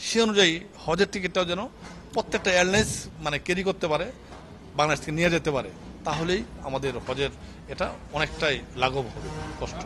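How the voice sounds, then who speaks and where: A man's voice: fairly high pitch, a bit bright, a little hiss or hum. A man with a Bangladeshi Bengali accent, a travel agency owner, explaining arrangements in an earnest, methodical news interview statement. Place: workshop venue, indoors.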